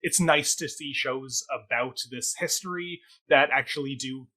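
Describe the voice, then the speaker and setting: Co-hosting a theatre review show, a man talks in a casual, wordy, discursive way, qualifying his points as he goes. His mid-range voice is pushed and bright, and he keeps a measured pace.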